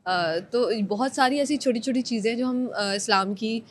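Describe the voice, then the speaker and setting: A woman with a Pakistani accent, hosting an interview in a measured way, summing up points and mixing in English phrases. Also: a little high. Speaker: podcast host. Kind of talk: conversational interview.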